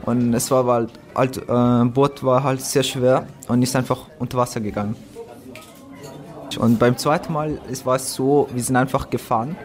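A teen boy as a quiet hesitant newcomer. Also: medium pitch, steady tone, natural voice. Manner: slow, simple, hesitant German with fillers. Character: quiet newcomer schoolboy, refugee, polite. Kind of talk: amateur school drama.

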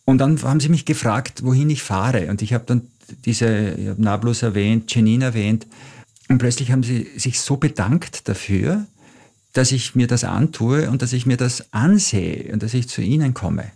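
Speaking at a medium pitch and normal speed, this middle-aged man from Austria sounds animated, mellow and slightly breathy, with some vocal fry. As an interview guest he thoughtfully recounts travel anecdotes, filling gaps with frequent "äh."

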